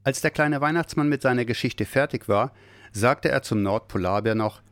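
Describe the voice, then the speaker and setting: A man reading a children's Christmas story aloud, expressive and lively. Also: medium pitch, normal speed, dry recording. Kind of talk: scripted narration of a children's story.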